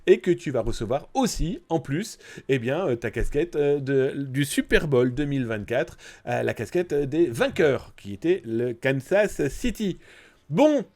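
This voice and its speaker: A man's voice: medium pitch, sing-song, measured pace, darkish tone. A man with a blocked, nasal nose, hosting a live news stream in a casual, chatty way, speaking straight to his viewers. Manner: chatty, informal, directly addressing viewers.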